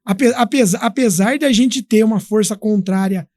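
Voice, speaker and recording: A man from Brazil, a guest in an interview, telling a story in a lively, chatty way with many fillers. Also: high voice, normal speed, no echo. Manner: animated, acts out quoted voices, many fillers. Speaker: guest, company founder.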